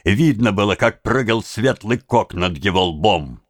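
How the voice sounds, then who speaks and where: Male audiobook narrator, lively pitch, slow pace, dry close sound. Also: dry recording. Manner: expressive, unhurried reading. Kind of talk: scripted narration of a novel.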